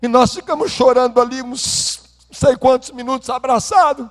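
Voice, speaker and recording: A pastor telling a personal testimony in a sermon, emotional and speaking to the congregation. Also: male voice, extremely high pitch, normal speed. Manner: emotional storytelling, addresses congregation.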